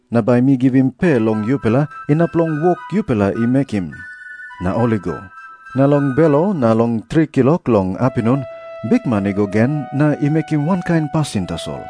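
Papua New Guinean man, mellow, animated storytelling. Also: medium pitch, normal speed, soft background music. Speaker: Bible reader voicing Jesus's parable. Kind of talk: expressive scripted Bible reading.

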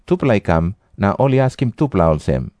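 A man's voice: fairly low pitch, sing-song, a little fast, a little mellow, no room sound, studio quality. A man with a Papua New Guinean accent narrating scripture from a script. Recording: prominent music behind the voice.

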